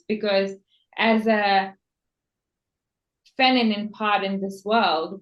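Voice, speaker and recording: A woman from the Czech Republic, a native Czech speaker, talking slowly as a personal stylist in an interview, searching for words in English. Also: mid-range voice, fairly bright tone. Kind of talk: conversational interview. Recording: echoey room.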